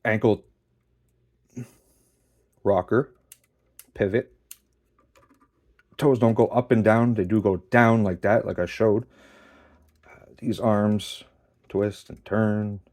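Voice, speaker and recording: A man with a fairly low voice talks through a model kit review in a slow, easygoing way. He swears offhandedly as he fiddles with the figure's joints, and he sounds a little out of breath. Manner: relaxed, swears casually, talks while posing a figure. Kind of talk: casual hands-on toy review.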